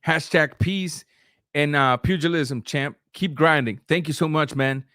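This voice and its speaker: A middle-aged man, a native Spanish speaker, hosts a live boxing stream and reads out super chats in loose, chatty commentary full of restarts and filler sounds. His voice sits on the high side, a little slow and slightly bright. The recording is clean studio sound with no room tone.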